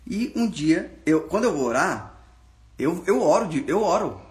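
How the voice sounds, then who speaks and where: A man's voice: fairly high pitch, very animated, a little slow, reverberant. A man with a Brazilian Portuguese accent, a pastor giving an informal sermon, preaching in a casual, slangy way and talking straight to his listeners.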